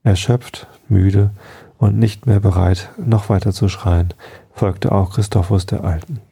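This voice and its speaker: A man reading a bedtime story aloud in a calm, soft-spoken way. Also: lowish voice, a little slow, creaky, husky.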